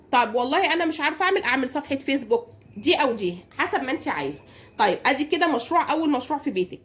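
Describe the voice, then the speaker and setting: A woman's voice: high-pitched, a bit bright, slightly rough. A young woman with an Egyptian Arabic accent giving casual money-saving advice to women, asking herself questions and answering them. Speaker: home savings vlogger.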